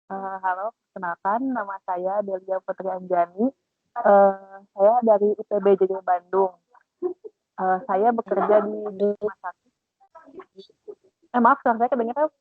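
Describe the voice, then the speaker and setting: A woman's voice: mid-range voice, steady tone, measured pace, long pauses, no echo. A woman introducing herself hesitantly in an online class, her voice breaking up over a choppy video call. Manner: hesitant, starts lines with "eh". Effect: choppy, breaking-up call audio. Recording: tinny lo-fi call line, dry, faint music behind.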